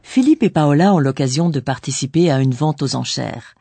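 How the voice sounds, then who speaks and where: A woman narrating a scripted language course in a didactic way, pausing on key words. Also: sits low, lively intonation, gravelly, warm tone, breathy edge, dry recording. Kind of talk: scripted bilingual explanation.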